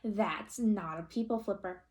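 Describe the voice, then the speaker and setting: A woman voicing a young girl in a storybook read-aloud, protesting slowly and emphatically that the baby is not right. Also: mid-range voice, a little mellow, close to an everyday voice. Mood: insistent.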